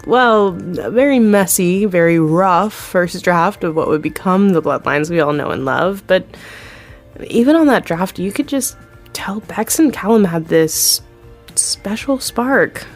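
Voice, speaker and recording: A lowish, expressive voice at a measured pace belongs to an actress in her thirties acting out an interview as a TV executive producer. The character is candid and chatty, laughs a lot, and talks down what she's accomplished, with soft music in the background of this scripted drama.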